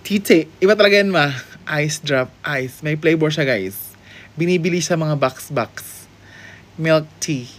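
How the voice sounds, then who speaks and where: Male streamer from the Philippines, slightly high voice, unhurried, sassy and teasing, running a viewer guessing game. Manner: playful, sassy, teasing, with bursts of high exclamations. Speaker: livestream host.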